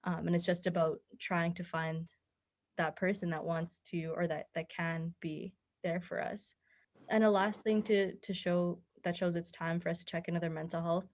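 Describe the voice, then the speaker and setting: As a guest on a podcast, a young mental health advocate answers questions at a moderate pace in a slightly low voice with little pitch movement. Her tone is conversational, and her advice is earnest and encouraging.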